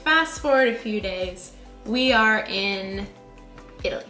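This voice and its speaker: A woman's voice: mid-range voice, animated, slow, pushed and bright, faint music behind. A woman co-hosting a casual home video with playful, wry joking. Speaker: co-host. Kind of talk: casual chat. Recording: echoey room.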